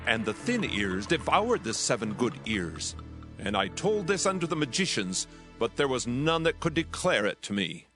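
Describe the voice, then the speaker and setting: An actor playing a commanding, troubled king of ancient Egypt in a dramatized scripture reading, grand and deliberate, with music behind him. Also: medium pitch, sing-song, natural voice. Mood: troubled, awed.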